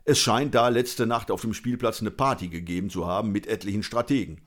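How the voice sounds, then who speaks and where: Seasoned street cop, relaxed and good-humored, firm underneath , read by a male narrator. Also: on the low side, a little fast, close to an everyday voice. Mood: matter-of-fact. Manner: good-natured, calm, matter-of-fact. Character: older easygoing police officer, good-natured but tough.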